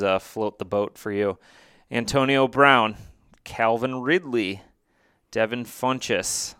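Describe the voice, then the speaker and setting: A man's voice: medium pitch, a bit bright, clean tone, no echo, studio quality. A man co-hosting a casual fantasy football chat, thinking aloud with fillers and restarts. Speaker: podcast co-host.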